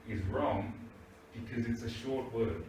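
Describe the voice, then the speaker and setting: A man's voice: medium pitch, unhurried, a little mellow, a little hiss or hum. A man teaching English grammar to a class, patiently asking "right?" as he checks that the class follows. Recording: echoey room, mic far off.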